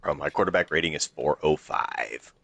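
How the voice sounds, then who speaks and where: Deep-voiced young man trash-talking. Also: normal speed, creaky, sharp tone, slight background noise. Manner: trash-talking, profane, needling. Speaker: online league player. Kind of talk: casual gaming chat.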